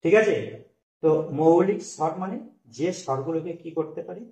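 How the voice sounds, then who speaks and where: A man's voice: a little high, a little fast, darkish tone. A male teacher explains a grammar lesson step by step, asking questions and answering them himself. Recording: echoey room, mic at a distance.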